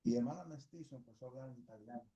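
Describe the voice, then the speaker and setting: A man's voice: mid-range voice, very fast, mellow, husky, highs cut off. A man from El Salvador teaching a Sunday school class at church, speaking conversationally and often checking in with his listeners. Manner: mixes in English words.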